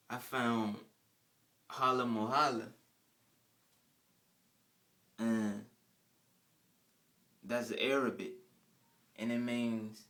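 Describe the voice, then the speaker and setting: A man's voice: lowish voice, fairly bright tone. A young man casually telling a rambling first-person account in a vlog, with restarts and trailing off. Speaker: vlogger.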